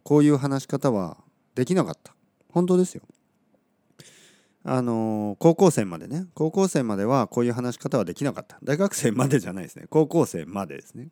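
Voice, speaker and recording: A man from Oita, Kyushu, teaching Japanese in a relaxed podcast monologue. He chats with many soft fillers, corrects himself as he goes, and his throat is slightly scratchy. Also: medium pitch, dry recording, studio quality. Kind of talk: casual podcast lesson monologue.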